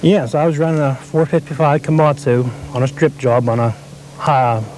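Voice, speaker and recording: A man who operates heavy equipment, telling his story in a plain, halting way, heard from a worn VHS tape copy. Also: on the high side, steady tone, darkish tone, poor audio. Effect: worn VHS tape copy with faint hiss. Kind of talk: interview answers.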